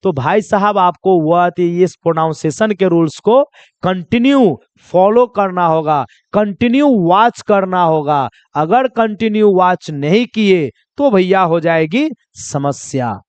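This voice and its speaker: Animated and a little slow, a man with a high, clear, resonant voice teaches pronunciation rules as if in a classroom. He constantly quizzes his listeners, repeating questions and calling them children, with no room sound in the recording.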